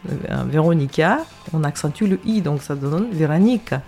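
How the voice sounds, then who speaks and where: Low-voiced woman, singer explaining patiently. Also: moderate pace, darkish tone, soft background music. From half Russian, half French. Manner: explains patiently, hesitant with many fillers. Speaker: singer, show guest. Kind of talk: casual radio interview. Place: radio studio.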